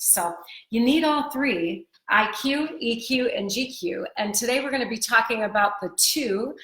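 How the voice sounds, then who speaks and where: A woman's voice: a little high, fairly bright tone. Woman explaining a book on a live stream. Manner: explanatory, teaching tone. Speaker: co-host and author. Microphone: live video stream. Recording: roomy echo.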